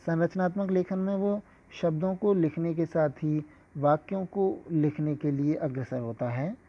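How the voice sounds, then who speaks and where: A man teaching a lesson in a measured, explanatory way, with an occasional filler. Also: a little high. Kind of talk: scripted lesson lecture. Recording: dull lo-fi recording.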